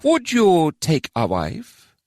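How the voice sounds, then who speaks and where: A male narrator voicing a pompous elf house lord with a high-pitched nasal voice, making grand ceremonial proclamations. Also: wildly swooping pitch, takes it slowly, darkish tone, dry recording, studio quality, heavily acted. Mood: proclaiming. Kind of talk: audiobook character voice.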